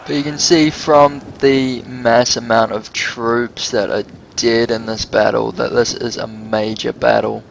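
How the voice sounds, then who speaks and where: A man's voice: mid-range voice, level tone, a little slow, vocal fry, few pauses, muffled recording. A man giving casual commentary over a strategy game he is playing. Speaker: gameplay commentator. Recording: noisy, game sound behind.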